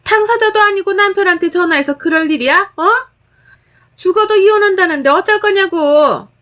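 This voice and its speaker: A woman voicing a shrill, scolding older mother-in-law in a storytelling video. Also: moderate pace, a bit bright.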